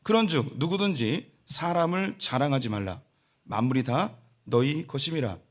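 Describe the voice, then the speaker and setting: A middle-aged male pastor delivers a sermon in a church sanctuary, his voice pitched somewhat high for a man. He slips into the voices of boasting church members, then climbs into emphatic, raised-voice preaching. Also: animated, normal speed.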